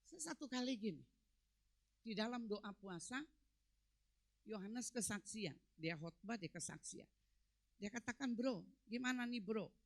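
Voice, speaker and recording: A woman pastor preaching a sermon with emphatic delivery, swinging between loud peaks and quiet, low drops. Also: unhurried, long pauses, dry recording.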